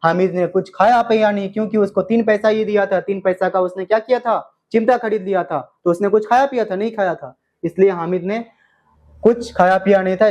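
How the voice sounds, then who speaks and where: A male tutor runs an exam-prep quiz in Hindi with a Bihari accent, asking every question twice or three times before giving the answer. His voice sits high for a man. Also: darkish tone. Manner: repeats each question, then answers it himself. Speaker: teacher. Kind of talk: exam-prep lesson, quizzing students.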